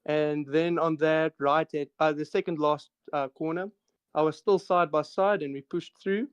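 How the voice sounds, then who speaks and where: Male racer in a post-race interview, smooth and slightly high voice, over a dry, muffled remote line. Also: steady tone, moderate pace, no room sound. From South Africa. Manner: matter-of-fact, repeats words when restarting. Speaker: racing driver, interview guest.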